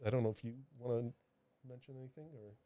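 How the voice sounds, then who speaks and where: A man, a comic book artist, telling a heartfelt story in a podcast interview, halting with many restarts and fillers. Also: mid-range voice, steady tone, dark tone. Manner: earnest, heartfelt.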